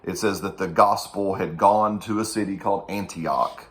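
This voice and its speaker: An earnest man with a very deep, low voice, talking in a rambling way about faith with many restarts. A faint hiss sits behind him. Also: steady tone, moderate pace, a bit bright. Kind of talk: casual chat, preaching.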